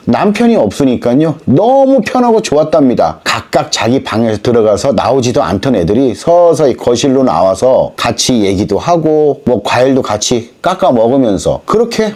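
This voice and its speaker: A man who manages a divorce law office, telling a client's case as an emphatic story. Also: fairly high pitch. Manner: animated, emphatic.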